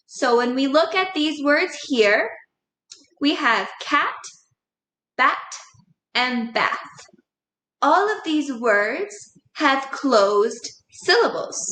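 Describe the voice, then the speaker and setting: Woman primary teacher, slow patient delivery, spells words aloud; roomy sound. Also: sits high, a bit bright, slight background noise. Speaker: second grade teacher. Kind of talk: recorded classroom lesson.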